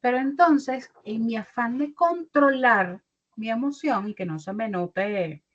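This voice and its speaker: A young adult woman with a slightly high, slightly slow voice gives an online mentoring talk as a career mentor. She's animated and acts out little dialogues, and the audio is dull and lo-fi.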